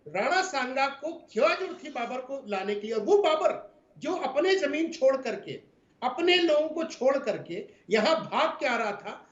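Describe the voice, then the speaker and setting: A man's voice: extremely high pitch, very animated, unhurried. A man arguing hard as a panelist in a TV debate, repeating his points with force. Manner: forceful, repetitive, emphatic. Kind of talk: heated political argument. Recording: roomy, dull remote feed.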